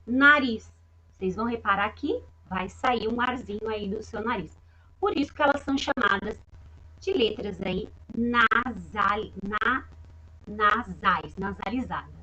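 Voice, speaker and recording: A woman with a Brazilian Portuguese accent, teaching young children in a recorded lesson with slow, sing-song talk and frequent check-ins. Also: fairly high pitch, pushed and bright, husky, dull audio. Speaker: primary school teacher.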